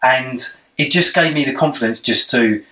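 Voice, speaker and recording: A young man, rambling in a relaxed way about dating as a podcast co-host. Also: mid-range voice, moderate pace. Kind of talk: casual chat about dating. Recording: echoey room, mic a bit far off.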